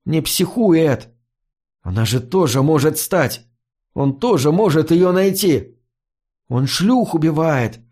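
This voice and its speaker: A man's voice: fairly high pitch, animated, slow pace, darkish tone. A man voicing an impatient, nervous teenage boy in an audiobook, his lines urgent and scolding. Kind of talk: audiobook character voice.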